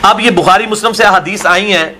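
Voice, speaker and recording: A man's voice: high voice, brisk, bright, forceful tone, slight background noise. A man, a religious scholar arguing his view in an interview and asking rhetorical questions. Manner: argumentative, full of rhetorical questions.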